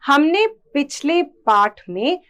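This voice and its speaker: A woman teaching a children's grammar lesson, her voice a little high and swinging widely in pitch. She speaks slowly and patiently, explaining with examples and putting questions to the class. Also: animated, a bit bright.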